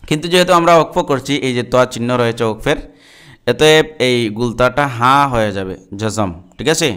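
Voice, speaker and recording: A man teaching Quran reading, spelling out letters and vowels one by one and then chanting the words slowly. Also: medium pitch, fairly bright tone, clean tone. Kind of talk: step-by-step recitation lesson.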